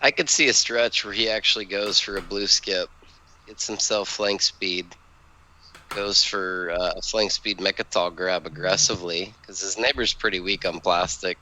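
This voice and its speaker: A man's voice: deep voice, steady tone, moderate pace, sharp tone, slight background noise, low-quality recording. A man commentating a board game tournament, speculating casually about a player's next moves. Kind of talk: strategy analysis commentary.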